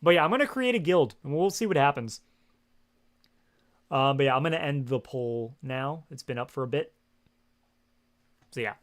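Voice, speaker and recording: In this casual livestream chat, a man with an expressive, mid-range voice talks at a moderate pace and pauses often. He's playing a game at home on a gaming headset, rambling, using many fillers, and swearing a lot.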